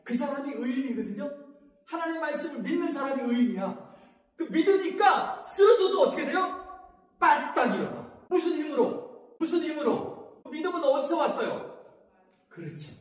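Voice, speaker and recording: A male pastor preaching an animated sermon, asking the congregation questions and answering them himself. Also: very high voice, normal speed. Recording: echoey hall from far off.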